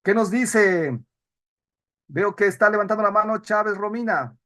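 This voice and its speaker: A man's voice: high-pitched, moderate pace, sharp tone. A man teaching an online class, explaining rules and putting questions to students over a video call.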